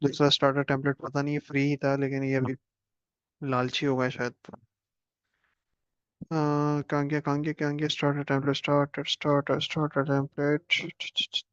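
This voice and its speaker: A man's voice: fairly high pitch, completely flat delivery, moderate pace, a bit bright, clear, resonant tone, dry recording, lo-fi sound. A man teaching a casual screen-share computer lesson, chatting and joking as he clicks through steps. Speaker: instructor.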